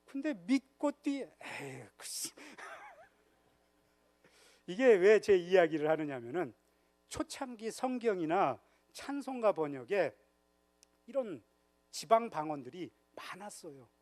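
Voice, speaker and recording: Man, high voice, lively church-retreat lecturer who teases the crowd with questions. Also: takes it slowly, long pauses. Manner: jokes and quizzes the audience. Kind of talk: humorous church history lecture. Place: church hall.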